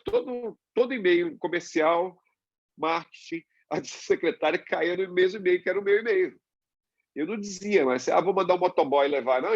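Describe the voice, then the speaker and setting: Brazilian man presenting a webinar, slightly high, husky, dry lo-fi sound. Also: dry recording. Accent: Brazilian Portuguese. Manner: conversational, many fillers and tag questions. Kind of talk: informal webinar lecture. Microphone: webinar computer mic.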